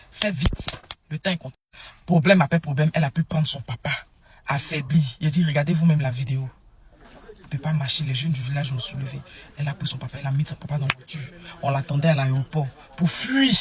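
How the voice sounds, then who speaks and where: A man, his voice high and husky, races through a religious testimony. He turns straight to his listeners and acts out every person he quotes with dramatic flair. The sound is close and dry, with no room around it. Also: dry recording.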